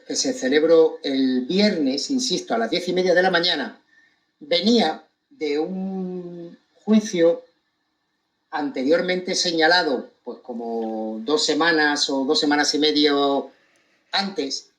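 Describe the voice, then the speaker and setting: A man with a slightly high voice and a Spanish accent from Spain addresses his audience in a monologue. He is deliberate and emphatic, setting key phrases apart with pointed pauses. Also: fairly bright tone, poor audio. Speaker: commentator giving his account of a court case.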